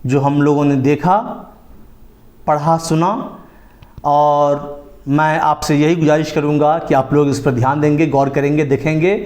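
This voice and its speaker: A man giving a spoken pronunciation lesson, spelling words out letter by letter and repeating each rule slowly. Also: fairly high pitch, flat delivery, darkish tone. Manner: repeats each point slowly, drawing out letters and falling at phrase ends. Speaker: English pronunciation teacher.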